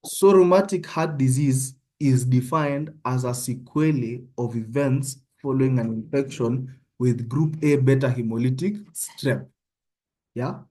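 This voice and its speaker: A young Kenyan man with a Kenyan accent gives an informal online medical tutorial, conversational and often checking in with listeners with "yeah?". His voice is mid-range and dark-toned, at a measured pace.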